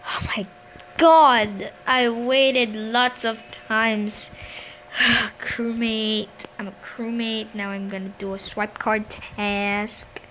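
A woman's voice: on the high side, level tone, extremely slow, fairly bright tone, a little hiss or hum. A young woman giving casual, giggly running commentary while playing a video game, chatting to the characters on screen. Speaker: gameplay commentator.

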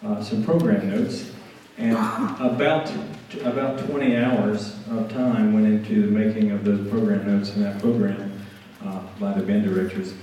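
Man, band director, rambling concert announcement, halting restarts, mellow tone, roomy hall echo. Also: lowish voice, steady tone, muffled recording, a little hiss or hum. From Alabama. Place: school auditorium. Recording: echoey hall from far off.

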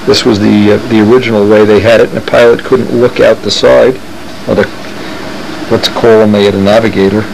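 A man's voice: on the low side, flat delivery, brisk, vocal fry, a little mellow, a little hiss or hum, low-quality recording. A man casually narrating as he shows model aircraft plans to the camera, enthusiastic and thinking aloud. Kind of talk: casual show-and-tell narration.

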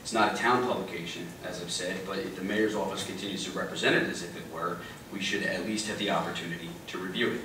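A man's voice: low-pitched, steady tone, fast, few pauses. A middle-aged man, a council member, speaking insistently and with frustration at a public meeting. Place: large meeting room indoors. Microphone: table microphone. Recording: echoey room, distant mic, background noise.

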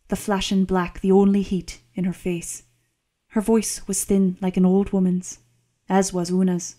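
A woman reading a historical novel aloud as an audiobook narrator, in a measured, calm storytelling manner. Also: mid-range voice. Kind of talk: scripted narration.

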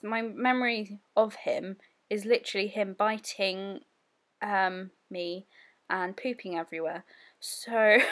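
A young woman giving a casual, rambling voice-over, giggly and full of fillers. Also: mid-range voice. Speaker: scrapbooking vlogger.

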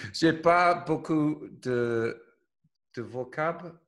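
A man hosting a casual chat, halting through French with many fillers. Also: on the high side, a bit bright. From Ireland. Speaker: podcast host.

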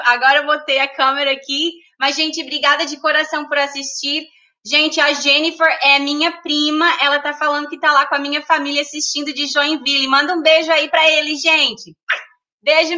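A woman's voice: high-pitched, sharp tone. A woman hosting a casual livestream, chatting and laughing as she reads viewer comments aloud. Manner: giggly, laughs often. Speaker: livestream host.

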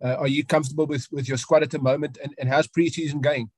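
A male journalist, haltingly asking questions at an online press conference. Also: on the high side, flat delivery, darkish tone, slightly rough, no room sound. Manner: halting, searching for words. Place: remote video call.

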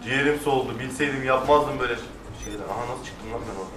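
A man giving casual let's-play commentary, excitable, swearing and shouting at the game. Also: mid-range voice, fast, noisy background. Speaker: gamer. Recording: roomy, distant mic with faint music.

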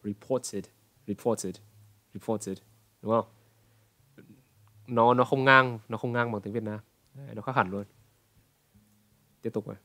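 A man in his twenties from Vietnam, correcting pronunciation and repeating words slowly to demonstrate. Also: mid-range voice, steady tone, pushed and bright, no room sound. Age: 20s. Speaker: pronunciation coach. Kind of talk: reaction commentary correcting pronunciation.

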